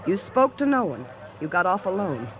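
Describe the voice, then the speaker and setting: Haughty young dame in old radio drama, very lively pitch, bit of noise on it. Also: female voice, moderate pace. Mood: indignant. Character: indignant haughty young woman brushing off accusations. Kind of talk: 1940s radio drama acting. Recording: noisy vintage radio recording.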